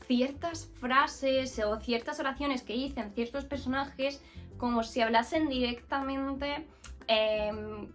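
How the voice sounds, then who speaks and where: A woman from Murcia, giving a casual, frank book review with many fillers and restarts. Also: high-pitched. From Murcia, Spain. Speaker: book vlogger.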